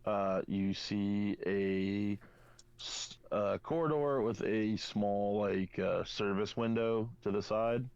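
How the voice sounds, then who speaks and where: A man narrating a tabletop game as game master, halting often with fillers, on a dull lo-fi recording. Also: fairly low pitch, creaky, darkish tone, clean tone, no room sound.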